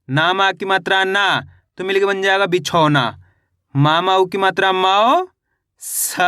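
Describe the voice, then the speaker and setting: A man teaching Hindi reading in an online lesson, slowly sounding out each word syllable by syllable and repeating it. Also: high voice, pushed and bright, no room sound, clean studio sound.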